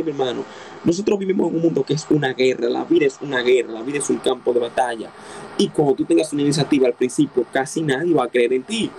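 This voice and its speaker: Male preacher, fairly high voice, insistent sermon delivery built on repeated phrases and direct questions to the listener. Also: vocal fry, a little mellow, a little hiss or hum, poor audio. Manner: emphatic, repeats key phrases, asks rhetorical questions.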